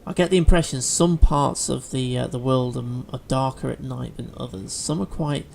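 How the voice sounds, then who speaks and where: Gravelly man narrating gameplay. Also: medium pitch, moderate pace, darkish tone, slight background noise. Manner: chatty, thinking aloud with fillers and restarts. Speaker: let's play host. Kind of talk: gameplay commentary.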